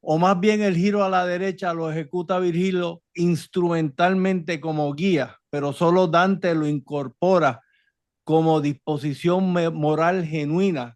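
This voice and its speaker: A man's voice: a little high, dry recording. A man on a video call who asks a long, careful question in a seminar, hesitating often and adding tag questions. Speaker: student asking a question.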